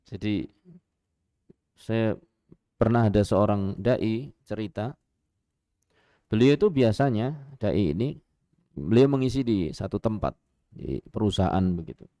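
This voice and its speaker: A man's voice: fairly low pitch, measured pace, pauses often, no room sound, studio quality. A man with a Javanese accent giving a radio sermon, telling stories with rhetorical questions and chuckles. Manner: animated, lively storytelling with rhetorical questions and chuckles. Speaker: Islamic preacher.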